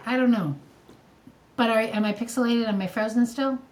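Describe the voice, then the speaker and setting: A woman's voice: a little high, fairly even intonation, moderate pace. A woman co-hosting a podcast in casual chat over a video call, giggling often. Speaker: podcast co-host.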